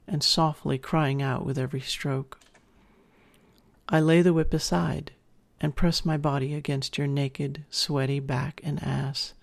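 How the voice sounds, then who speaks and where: A narrator speaking as a dominant partner, telling an erotic story to the listener in an intimate, measured way. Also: medium pitch, creaky. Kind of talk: intimate second-person erotic audio narration.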